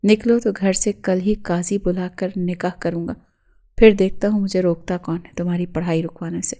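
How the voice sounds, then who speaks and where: A jealous, domineering young man shouts and threatens, as a woman reads him in an audio novel. The voice stays warm and mellow even in his rage, with no real shift into a male register. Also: lowish voice, natural voice. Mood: furious.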